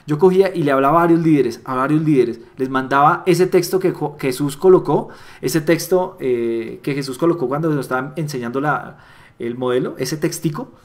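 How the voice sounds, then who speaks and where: A man's voice: on the high side, moderate pace. A man giving a motivational training talk on sales and networking, repeating key phrases for emphasis. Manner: animated, acts out little dialogues with voice shifts.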